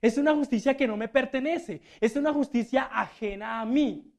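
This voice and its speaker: A man preaching a sermon as a deacon in a church. He swings between loud and hushed delivery and acts out the quotes. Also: very high-pitched, moderate pace.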